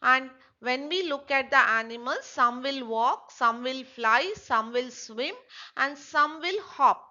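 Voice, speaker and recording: A woman teacher walks young children through a textbook lesson at a very slow pace. Her voice is bright and fairly high. The recording sounds a little dull. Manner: slow, asks and answers her own questions.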